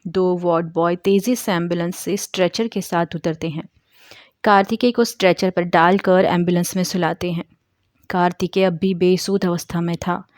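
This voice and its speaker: A woman's voice: on the low side, steady tone, normal speed, dry recording, clean studio sound. A woman reading her serialized novel aloud, narrating dramatically and voicing each character herself. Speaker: storyteller.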